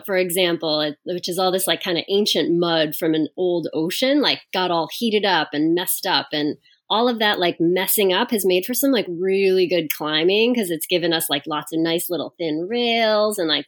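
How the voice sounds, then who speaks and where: A woman's voice: lowish voice, normal speed, hardly any pauses. A woman who is a science guest on a podcast, talking casually with plenty of fillers. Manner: loose and chatty, many fillers.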